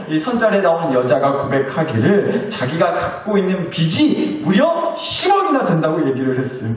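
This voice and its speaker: A man preaching a sermon as pastor, telling stories in a lively, joking way. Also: high voice. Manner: lively, joking storytelling with acted quotes. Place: church sanctuary. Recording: echoey church hall, mic from a distance.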